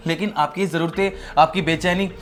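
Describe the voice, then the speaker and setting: A man playing a fast-talking, exasperated young brother-in-law. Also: on the high side, fairly even intonation, a bit bright, slight background noise, lightly acted. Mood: exasperated refusal. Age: young adult. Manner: earnest, exasperated, scolding.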